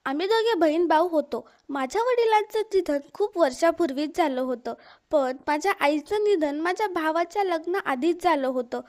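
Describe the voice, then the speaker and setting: A woman's voice: extremely high pitch, expressive, normal speed, a little mellow. A woman narrating an emotional first-person story in a sorrowful, pleading manner.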